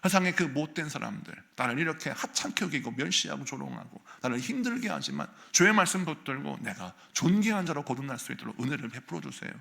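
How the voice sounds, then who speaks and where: A man's voice: fairly high pitch, animated, fast, vocal fry, few pauses. A middle-aged man pastor delivering an impassioned sermon that swells into fervent prayer. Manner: impassioned preaching, rising to fervent shouted prayer.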